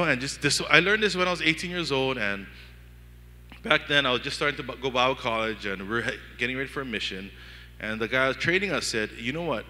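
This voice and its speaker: A man from Hawaii with a Pidgin-tinged accent, preaching a sermon with lively storytelling and acted-out inner dialogue. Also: medium pitch, big-room sound. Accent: Hawaiian Pidgin-tinged English. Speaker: pastor. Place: church hall.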